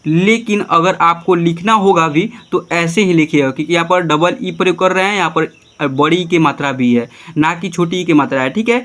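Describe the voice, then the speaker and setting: Male tutor, high pitched, patient step-by-step teaching manner. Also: normal speed, a bit bright. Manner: spells names out letter by letter, patient; keeps prompting "ठीक है, देखिए". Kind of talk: classroom-style tutorial.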